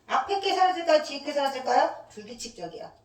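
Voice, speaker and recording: A woman's voice: high voice, animated, fast. A woman teacher giving a classroom grammar lecture, asking questions and answering them herself and drilling letters one by one. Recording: echoey room, mic at a distance.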